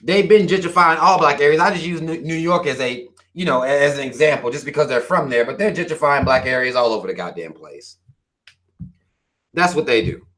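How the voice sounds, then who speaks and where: A man from the Carolinas with a Southern American accent hosts his own channel, ranting bluntly and profanely during a casual livestream as he reads out viewer comments. His voice is fairly high, fairly quick and a bit bright.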